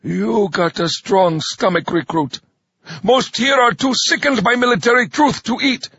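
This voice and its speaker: A man voicing a fat, gleefully cruel male drill sergeant with a rasping voice who barks and growls orders in a dull lo-fi recording. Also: sits high, unhurried, pushed and bright, dry recording, voice pushed up, exaggerated voice. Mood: menacing.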